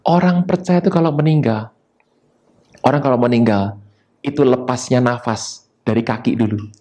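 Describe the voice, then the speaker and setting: Emphatic preacher, lively swings. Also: male voice, moderate pace. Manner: lively preaching with sudden high emphatic rises and asides. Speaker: pastor. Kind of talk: sermon.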